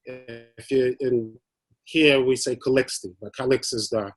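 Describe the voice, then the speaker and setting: Man from Haiti, guest speaker on a video call; hesitant, filler-heavy, mid-pitched. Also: fairly even intonation, slow pace. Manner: hesitant, many fillers, a little nervous. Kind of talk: prepared talk on a video call.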